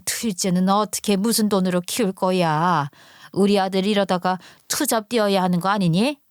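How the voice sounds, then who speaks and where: A woman's voice: medium pitch, dry recording, clean studio sound, natural voice. A woman voicing a scornful older mother-in-law who scolds and sneers in a story reading.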